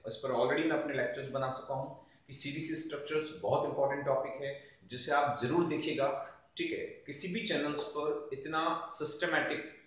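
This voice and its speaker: A man's voice: mid-range voice, fairly bright tone. A man teaching an exam revision lecture, explaining grammar answers step by step and addressing the students as friends. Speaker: English teacher. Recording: very echoey room, mic at a distance.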